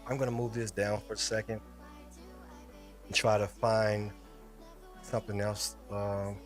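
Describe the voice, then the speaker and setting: A man's voice: lowish voice, flat delivery, measured pace, faint music behind. A man hosting a casual livestream, rambling as he talks straight to viewers in the chat. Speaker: livestream host. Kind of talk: casual live-stream commentary.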